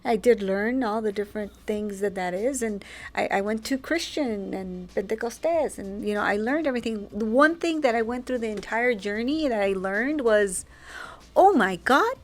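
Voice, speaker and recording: A woman co-hosting a podcast, talking in an animated, provocative way. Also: fairly high pitch, moderate pace. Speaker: podcast co-host. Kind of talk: casual discussion.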